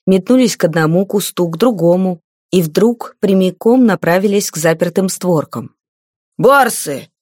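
A woman reads a fantasy novel aloud in a steady storytelling manner. Her voice sits a little low, and the recording is dry and close with no room sound. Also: normal speed, few pauses, dry recording. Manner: even, storytelling reading. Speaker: audiobook narrator. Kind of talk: scripted fantasy narration.

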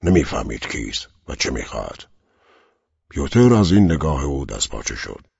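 A man narrating an audiobook in a grave, slow storytelling manner, with a gravelly, husky voice. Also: extremely low pitch, sing-song, darkish tone, dry recording. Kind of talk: scripted narration. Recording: dull lo-fi recording.

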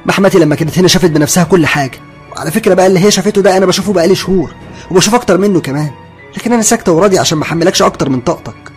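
A man's voice: fairly high pitch, racing, creaky, darkish tone, soft background music, pitched above the performer's own voice. A man voicing a desperate young Egyptian wife. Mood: upset. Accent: Egyptian Arabic. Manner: pleading, indignant.

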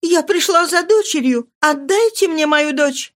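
A woman's voice: high voice, measured pace, pitched above the performer's own voice. A woman voicing a desperate young mother, anguished and imploring. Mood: pleading. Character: desperate pleading young mother, grief-stricken.

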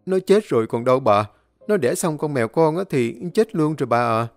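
A man's voice: medium pitch, expressive, a little fast, dry recording, faint music behind, lightly acted. A man voicing a timid young male servant in a storybook tale, stammering and crying out in fright. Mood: uneasy. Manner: stammering, panicked cries.

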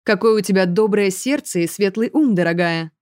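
A woman voicing a burly, gruff nobleman. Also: medium pitch, a little fast, a little mellow, no room sound, studio quality, close to an everyday voice.

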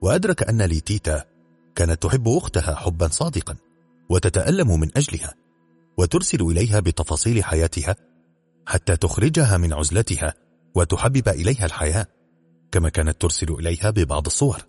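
A man narrating a detective story in a steady, measured audiobook reading. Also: low-pitched, breathy edge, no echo, soft background music.

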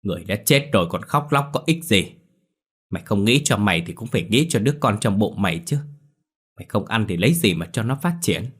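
A man's voice: fairly low pitch, lively intonation, brisk, a bit bright. A man voicing a stern older father-in-law scolding his grieving daughter in an audio ghost story. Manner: gruff scolding.

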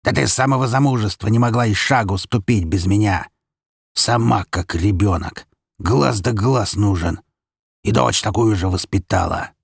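A man voicing a brutal drunk middle-aged father in an audiobook, bellowing slow, menacing threats. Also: on the low side, gravelly, breathy edge, no echo, studio quality. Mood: sneering. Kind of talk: audiobook character voice.

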